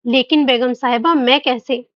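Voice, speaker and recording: A woman's voice: high voice, fairly even intonation, normal speed, dry recording, natural voice. A woman voicing an eager, obliging young female servant. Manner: cheerful, obliging. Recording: dull dry recording.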